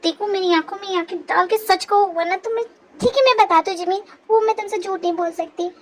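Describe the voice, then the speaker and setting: A woman's voice: extremely high pitch, fast talker, background noise. A young woman performing every role in a Hindi fan-dub drama, talking in a chatty, pushy way.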